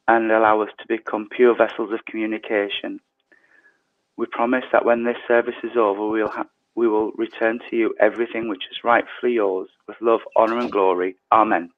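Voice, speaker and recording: Man, tinny earpiece sound, service leader, soft slow prayer reading, thin lo-fi call audio. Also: lowish voice. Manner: reads prayers softly and slowly. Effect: tinny sound from a changed earpiece mic. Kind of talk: leading an online prayer service. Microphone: earpiece headset mic. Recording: tinny phone-like online call.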